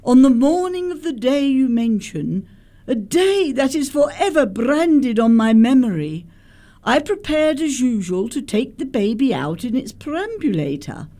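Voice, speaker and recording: Flustered, guilt-ridden governess woman acting, high pitch, unhurried and earnest, radio play. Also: big pitch swings, warm tone. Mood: ashamed, confessional. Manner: earnest, precise, melodramatic. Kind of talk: stage comedy radio acting.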